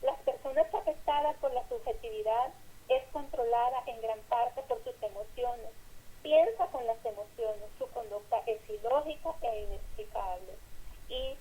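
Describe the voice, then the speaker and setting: A woman with a fairly high, mellow voice gives an earnest sermon-style lecture. She talks in short, measured phrases and acts out the lines she quotes. The sound is lo-fi and a little phone-like. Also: breathy edge.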